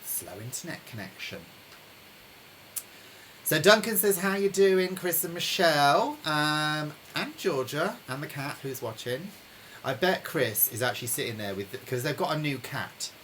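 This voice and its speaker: A man hosting a live-streamed pub quiz from home, chatting with viewers and reading each question slowly, then repeating it. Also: fairly high pitch, sing-song, a bit bright, slight background noise, poor audio. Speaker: quiz host. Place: home during lockdown.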